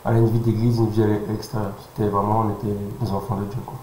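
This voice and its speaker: A man in his thirties from French Guiana, answering interview questions calmly, pausing often with fillers. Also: fairly low pitch. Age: 30s. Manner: calm, halting, with many pauses and fillers. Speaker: interview guest. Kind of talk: casual interview. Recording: roomy sound with faint noise.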